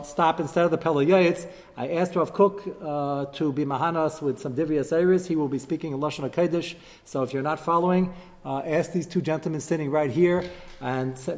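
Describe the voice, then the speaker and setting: A rabbi with a fairly high-pitched voice gives a Torah class, lecturing on Talmud in a question-and-answer style. He blends Hebrew terms into English, and the large room echoes around his listeners.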